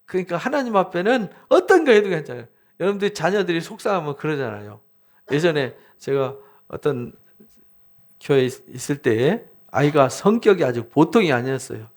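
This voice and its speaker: A man's voice: fairly high pitch, very animated, fairly quick. A middle-aged male pastor preaching a conversational sermon, acting out prayers and laughing now and then. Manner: laughs while speaking. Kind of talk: sermon, Bible exposition.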